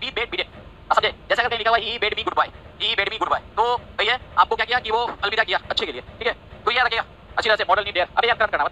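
A man teaching English vocabulary in a live class, talking quickly and checking over and over that the students follow. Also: high-pitched, bright, forceful tone, slight background noise, rough recording. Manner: rapid, repetitive checks like "ठीक है?" and "समझे?"; scolds and teases students by name. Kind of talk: online class lecture in Hindi and English.

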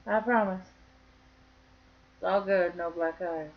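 A woman's voice: lowish voice, fairly even intonation, slow pace, muffled recording. Chatty woman vlogging, folksy and joking. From northern Michigan. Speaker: crochet vlogger. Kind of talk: casual chat to camera.

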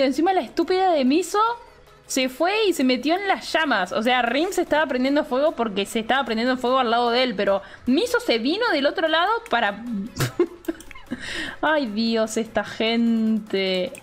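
Excitable young Rioplatense woman, high voice, game commentary over faint music and crowd noise. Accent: Rioplatense Spanish. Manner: animated, laughing, exclaiming. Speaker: Sims let's play host.

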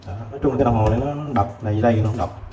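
A man selling used tools who chats casually while showing old multimeters, filling pauses with short words. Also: lowish voice, warm tone. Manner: chatty, fills with "đấy" and "rồi". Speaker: used tool seller. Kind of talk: casual product demo. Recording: roomy with faint background noise.

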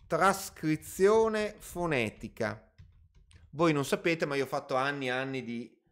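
A man's voice: a little high, a bit bright. A man hosting a casual live stream about personal finance, reading viewer questions aloud and answering off the cuff with hedges and asides. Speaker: finance channel host.

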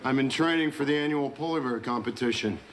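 A man's voice: mid-range voice, quick pace, natural voice. An actor in his thirties playing an earnest, rousing, slightly dim sitcom athlete. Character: gung-ho, earnest, dim small-town male polar bear swimmer. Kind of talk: sitcom acting. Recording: very noisy sitcom soundtrack.

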